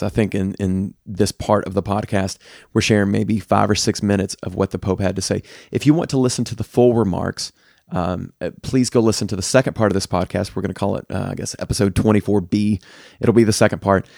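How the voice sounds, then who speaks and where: A man's voice: on the low side, gravelly, a little mellow, no echo, clean studio sound. A man with a Southern US accent, co-hosting a podcast in a candid, easygoing way. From United States. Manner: candid, easygoing, with frequent restarts. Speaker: podcast co-host. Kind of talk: casual podcast chat.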